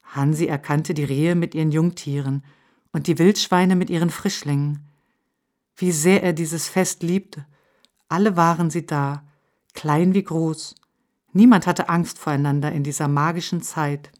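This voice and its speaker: A woman reads a children's storybook aloud in a low, calm voice. She takes her time, measured and even from line to line. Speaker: narrator. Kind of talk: storybook narration.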